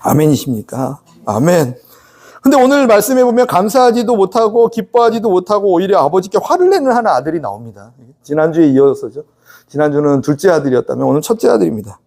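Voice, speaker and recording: Guy pastor preaching in church, kinda high voice, keeps checking in with the congregation. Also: very animated, fast talker, warm tone. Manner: conversational preaching, often asks the congregation to respond; acts out the sons and the father in quoted speech. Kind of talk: sermon. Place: church sanctuary.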